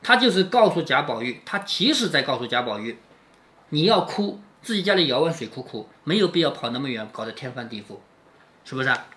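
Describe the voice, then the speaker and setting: A man's voice: mid-range voice, sing-song, brisk, bright, forceful tone. A man reading a classic novel aloud and explaining each passage, often asking the listener whether they follow. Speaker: reader and commentator of a classic novel.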